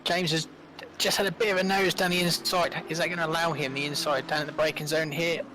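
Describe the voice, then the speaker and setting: Guy doing motorsport commentary, bright forceful voice, detailed play-by-play, faint car noise behind him. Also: on the high side, flat delivery, quick pace. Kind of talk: live sim racing commentary.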